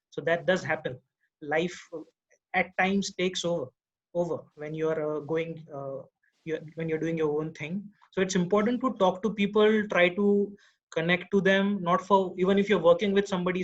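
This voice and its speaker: Man, earnest and thoughtful, higher pitch, dull lo-fi video call sound. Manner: earnest, thoughtful, many restarts. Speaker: meeting participant. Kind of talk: spoken reflection.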